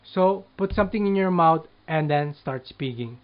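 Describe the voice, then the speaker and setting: A man's voice: on the high side, expressive, moderate pace, dull audio. A man giving casual speaking tips to the camera and demonstrating speech drills aloud. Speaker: speaking coach.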